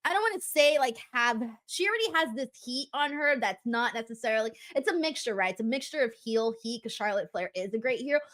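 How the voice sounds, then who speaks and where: A woman host giving casual, animated wrestling commentary in an emphatic, conversational way. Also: on the high side, fairly quick, hardly any pauses. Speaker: wrestling talk show host.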